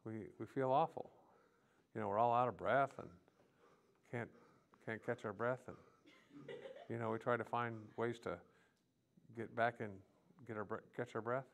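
A man preaching a sermon in short, halting phrases with frequent restarts. He often breaks into earnest prayers spoken aloud to God. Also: mid-range voice, fairly even intonation, gravelly.

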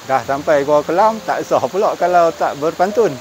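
There's background noise as this middle-aged vlogger, whose northern Malaysian Malay accent comes through his face mask, chats casually on a walk. His voice sits on the high side, expressive and at normal speed, captured by a camera at arm's length on forest park trails by a cave.

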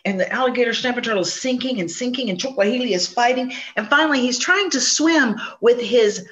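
A woman storyteller telling a traditional folk tale, animated and conversational. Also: on the high side, fairly quick. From Chickasaw Nation. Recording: dull lo-fi recording.

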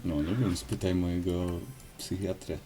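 A young man with a stoner-like, crude deadpan manner, bantering casually while gaming. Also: low-pitched, normal speed. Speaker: gaming video co-host. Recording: loud background noise, keyboard clicking.

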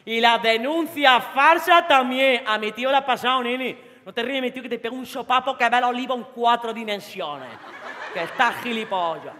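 A woman's voice: on the high side, normal speed, pushed and bright, long reverb tail. A woman playing a cocky, macho teenage boy from Jaén with an Andalusian accent, brash and teasing on a theatre stage. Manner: brash, teasing, streetwise slang. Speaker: actress. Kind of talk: theatre monologue.

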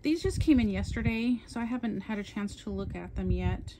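A woman's voice: medium pitch, lively intonation, background noise. Chatty woman showing her coloring haul. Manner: chatty, enthusiastic, admits talking fast. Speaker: coloring channel host. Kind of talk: casual haul show-and-tell.

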